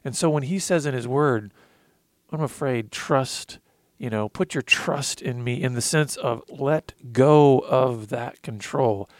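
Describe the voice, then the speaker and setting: A man's voice: medium pitch, measured pace, no echo. A man in his thirties co-hosting a faith-based talk, earnestly telling his recovery story and quoting scripture with emotion. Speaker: podcast co-host sharing recovery testimony.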